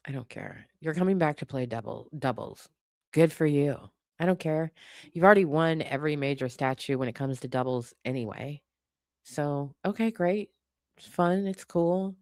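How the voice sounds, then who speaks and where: Speaking at a moderate pace in a mid-range, slightly dark voice, this livestream host casually riffs with viewers and responds to their comments. The talk is unscripted, colloquial, sassy and full of opinions. There's no room sound, just clean studio audio.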